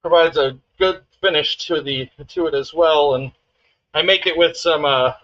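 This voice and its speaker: A man casually explaining his woodturning steps while he works, in a relaxed, halting way. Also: on the high side, no echo, highs cut off, soft background music. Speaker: woodturner streaming a demonstration. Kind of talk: casual live-stream commentary.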